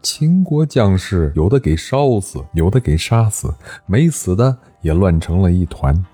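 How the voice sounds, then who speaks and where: A man's voice: low voice, very animated, measured pace, dark tone, breathy edge, soft background music. A man telling an ancient history story, narrating with animation and voicing every character.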